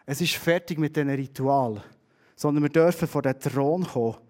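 A middle-aged man with a Swiss German accent preaching a sermon, telling stories animatedly and swinging between loud and hushed. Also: a little high, moderate pace.

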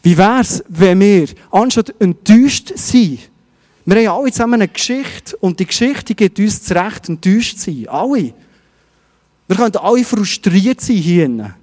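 Swiss German male pastor, middle-aged, mellow sermon tone, long church reverb. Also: high voice, expressive, normal speed. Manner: preaching in rhetorical questions.

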